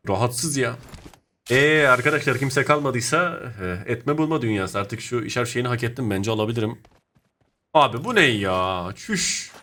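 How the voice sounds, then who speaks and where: A young gaming YouTuber narrates his own mobile shooter match in casual live commentary, muttering to himself before breaking into sudden excited shouts. His voice is mid-range.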